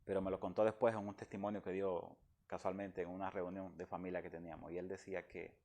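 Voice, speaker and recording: A man's voice: sits low, flat delivery, fast talker, a little mellow. A man from the Dominican Republic, speaking as a guest and giving an emotional personal testimony in an earnest, heartfelt way.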